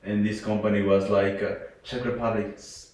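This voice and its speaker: A young man from Ecuador answering interview questions in a relaxed, hesitant way, with lots of fillers. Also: on the low side, normal speed, distant mic. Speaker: guest, international student. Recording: echoey room, voice off-mic.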